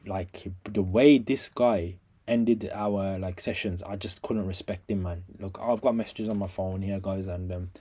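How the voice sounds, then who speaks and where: A man's voice: on the low side, warm tone. A man talks casually and bluntly in a rambling video review, repeating himself in slangy, scathing, aggrieved critique. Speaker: vlogger giving a review.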